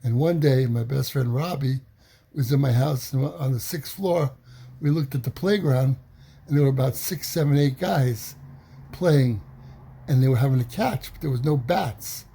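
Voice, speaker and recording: A man telling a childhood story in an animated way, acting out the voices of the people in it. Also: medium pitch, normal speed, creaky, breathy edge. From New York City. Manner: animated, acts out quoted voices. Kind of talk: personal storytelling.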